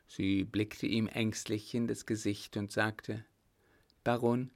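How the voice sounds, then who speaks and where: A male narrator reads an audiobook in a measured, even way. His delivery is slow, and his voice has a gravelly texture. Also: on the low side.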